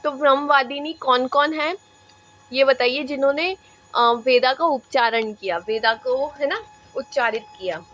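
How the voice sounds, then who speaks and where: A woman's voice: high voice, fairly bright tone, dull audio. A woman teaching an exam-prep history lesson, repeating each point and often checking in with her students while mixing English terms into Hindi. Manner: repetitive, checks in with "है ना"; drills points by slow repetition. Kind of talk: classroom lecture.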